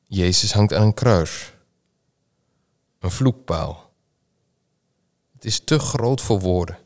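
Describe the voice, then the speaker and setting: A male preacher reads scripture and then gives a meditation on it in a solemn, unhurried delivery. His voice sits on the low side, and he lingers deliberately over key phrases. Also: lively intonation, a little mellow. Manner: slow, measured, solemn delivery. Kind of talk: scripture reading and sermon meditation.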